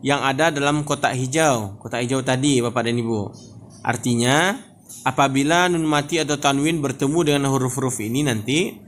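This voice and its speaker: A man teaching Quran reading, patiently explaining and drawing out example words very slowly. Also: medium pitch, fairly bright tone, slight background noise. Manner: patient, repeats "Bapak dan Ibu, ya" often.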